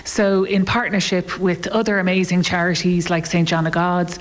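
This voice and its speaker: A woman's voice: on the low side, little pitch movement, moderate pace. A woman, a chief executive answering interview questions enthusiastically, often restarting her sentences.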